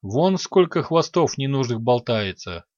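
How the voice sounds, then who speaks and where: A man's voice: medium pitch, sing-song, unhurried, darkish tone, no room sound, dull audio. Brief: male reader as a critical female mage in a storybook. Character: sharp-eyed woman mage, critical.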